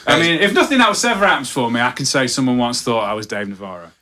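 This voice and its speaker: A man in his fifties with a thick Nottingham accent, chatting casually and self-deprecatingly, halting and doubling back as he tells rambling stories. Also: mid-range voice, lively intonation, pushed and bright. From Nottingham, England. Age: 50s. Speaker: guitarist and guitar teacher, guest. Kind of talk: casual chat, rambling anecdotes.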